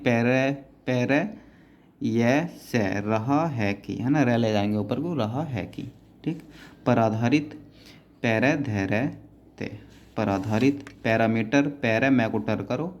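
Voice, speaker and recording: A man's voice: mid-range voice, slow pace. A man teaching shorthand, patiently explaining each word and checking in with his students as he goes. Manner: patient, keeps adding "है ना" and calling students "बेटा".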